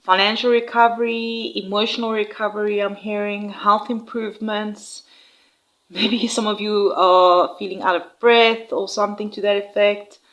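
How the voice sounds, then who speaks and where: A woman talks viewers through a tarot spread at an easy pace. Her voice sits in a middle register, and she keeps checking in with "all right?" as she gently reassures them. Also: medium pitch, level tone, low-quality recording. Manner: unhurried, reassuring, with frequent "um" and "all right?" tags. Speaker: tarot reader. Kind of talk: intuitive tarot reading to viewers.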